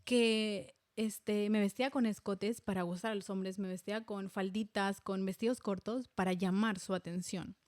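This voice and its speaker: A woman's voice: medium pitch, fairly even intonation, normal speed, hardly any pauses, darkish tone, dry recording, clean studio sound. A woman in her thirties from Spain, talking candidly and reflectively as a podcast host, with many fillers and restarts. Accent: Spanish from Spain. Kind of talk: personal reflective monologue.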